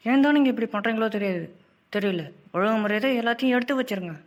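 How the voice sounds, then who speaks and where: Woman playing cartoon mom, high voice, quick nagging, scolding her kids. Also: natural voice. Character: scolding mother of two girls. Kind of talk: homemade cartoon voice acting.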